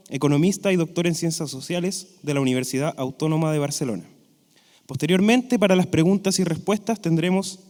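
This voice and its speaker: A man's voice: a little high, darkish tone. A man with a Chilean accent moderating a conference panel, introducing speakers and often adding short tag questions. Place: large echoing conference room. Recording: reverberant conference hall.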